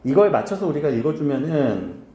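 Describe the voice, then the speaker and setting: A man teaching grammar in a casual recorded lecture, often quizzing his students with quick questions. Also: a little high, big pitch swings, warm tone, highs cut off, slight background noise. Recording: echoey room.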